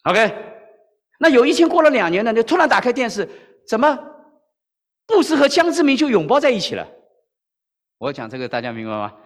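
A man's voice: very high-pitched, fairly quick, long pauses, long reverb tail. A male pastor preaching in Mandarin-speaking church style, telling a story and acting out the voices, often checking in with listeners. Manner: animated, acts out dialogue, frequent "OK?" to the audience. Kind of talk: sermon with storytelling.

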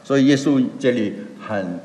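A man preaching a sermon and explaining scripture, reading verses slowly and dramatically. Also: mid-range voice, expressive, dark tone. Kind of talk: sermon with Bible exposition. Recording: long hall reverb.

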